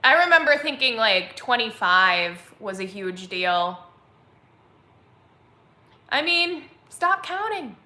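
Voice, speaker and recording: Bright, chatty young woman in an echoey room. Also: fairly high pitch, sing-song, slow, long pauses. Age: 20s. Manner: chatty, rambling, filler-heavy with frequent "like". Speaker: vlogger hosting a live chat. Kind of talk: casual live-stream chat.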